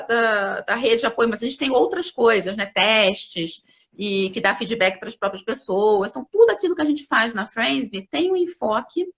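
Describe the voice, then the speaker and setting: A woman speaking as a company CEO guest in a live interview, explaining ideas with animated examples. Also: a little high, vocal fry. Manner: animated, acts out examples with lively voices.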